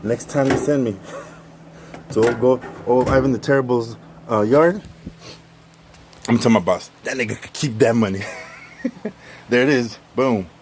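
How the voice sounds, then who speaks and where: A man's voice: mid-range voice, measured pace, long pauses, a little mellow, slight background noise, poor audio. A man telling a fight story casually and profanely while working on a bike outdoors, laughing as he goes.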